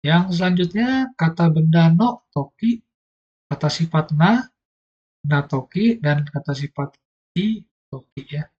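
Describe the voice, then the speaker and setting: A man's voice: a little high, expressive, takes it slowly, long pauses, a little mellow, husky, muffled recording. A man teaching an online language lesson, explaining patiently step by step.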